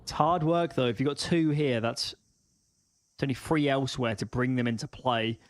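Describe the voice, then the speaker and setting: A man's voice: medium pitch, moderate pace, dry recording. A man co-commentating a live esports match with conversational, wry analysis. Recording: faint background noise and clicks.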